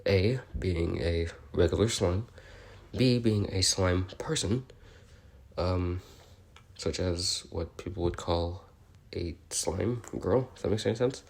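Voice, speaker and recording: A man with a low voice takes his time, playing a bookish, awkward and curious researcher who logs species notes. His in-character audio log is a semi-improvised explanation, rambling, hesitant and politely apologetic, with a curious, musing feel.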